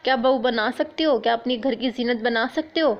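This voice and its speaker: Storybook role: a woman reading a proud, pleading transgender beggar; higher pitch, muffled recording. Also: natural voice.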